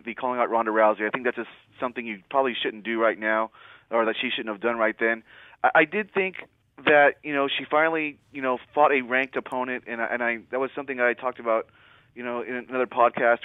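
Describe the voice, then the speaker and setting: A man's voice: mid-range voice, no echo. A man co-hosting a casual podcast, calling in over an old landline phone. He talks in a rambling way and keeps circling back to his point. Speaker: co-host. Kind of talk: casual podcast chat about fights. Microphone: old rotary landline handset. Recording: tinny dry landline phone line.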